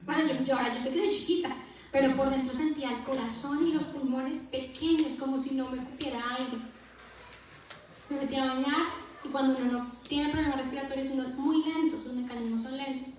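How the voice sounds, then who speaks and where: A woman preaching a personal testimony in a church, fervent and rising to loud exhortation. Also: sits high, fairly even intonation, fairly quick, a little hiss or hum. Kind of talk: impassioned sermon testimony. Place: church sanctuary. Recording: very echoey hall, distant mic.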